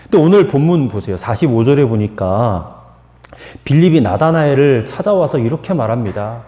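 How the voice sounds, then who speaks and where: A man's voice: medium pitch, lively intonation, moderate pace, warm tone. A male pastor preaching a sermon to his congregation and asking them rhetorical questions. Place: church sanctuary. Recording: echoey church hall with long reverb.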